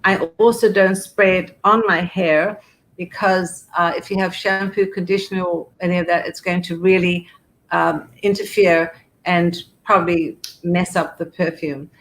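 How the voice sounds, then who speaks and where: A woman's voice: on the low side, steady tone, measured pace, poor audio. A woman perfumer chatting at an online event, effusive and full of restarts as she describes fragrances. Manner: effusive, piles on words like beautiful and gorgeous; frequent restarts and repetitions. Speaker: perfumer and fragrance brand founder. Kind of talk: casual online event chat.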